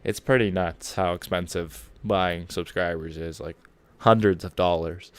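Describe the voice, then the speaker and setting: A man's voice: sits low, steady tone, unhurried, smooth. A man streaming a video game, chatting casually and rambling to his viewers. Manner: rambling, chatty, laid-back. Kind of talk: casual gaming stream chat.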